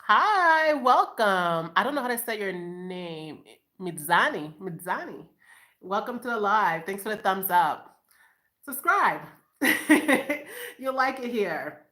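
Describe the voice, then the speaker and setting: A woman's voice: medium pitch, big pitch swings, slow, sharp tone. A woman from Boston, a mother of five, chatting casually and upbeat with viewers on a live stream at home, often laughing and calling them you guys. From Boston, USA. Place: at home, in her room. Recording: echoey room.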